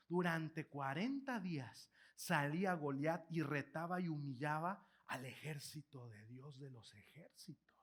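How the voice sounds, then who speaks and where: A man with a Mexican accent giving a keynote talk, retelling a story in an animated, slangy, joking way. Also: a little high. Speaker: keynote speaker.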